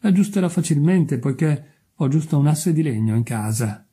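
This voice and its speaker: Man doing a sweet simple little gardener guy, higher voice, eager and grateful, kinda husky. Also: animated, moderate pace, dark tone.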